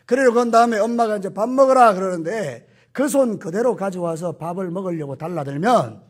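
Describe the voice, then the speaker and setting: In a church sanctuary, a male pastor delivers a Sunday morning sermon in a high-pitched, slightly fast voice. He speaks directly to the congregation, asking them questions and acting out the voices of those he quotes.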